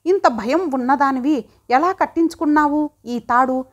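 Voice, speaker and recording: A woman's voice: sits high, normal speed, dull audio, close to an everyday voice. A woman voicing a stern, proud woman who owns the house, speaking in a cutting, confrontational way. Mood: cold questioning. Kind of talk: audiobook drama reading.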